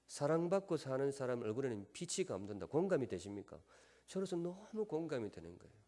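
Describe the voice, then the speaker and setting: Preaching in a large church sanctuary, this middle-aged pastor from Gyeongsan, Gyeongsang Province, South Korea, speaks with a Gyeongsang Korean accent. His medium-pitched voice is warm, sing-song, and fairly quick as he jokes with the congregation and teases them with questions. The recording carries long church hall reverb.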